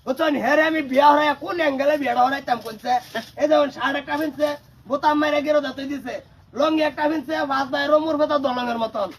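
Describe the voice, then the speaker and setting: Shouting fast high-voiced village man. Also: steady tone, far from the mic. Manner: loud, scolding, rapid banter. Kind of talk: rural comedy sketch.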